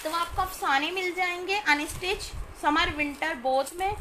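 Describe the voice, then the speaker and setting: A woman, chatting informally as she sells clothes on a live stream and often checking in with her listeners, over clear background noise. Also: extremely high pitch, a little slow, pushed and bright. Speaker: live online clothing seller. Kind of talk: casual live shopping sales chat.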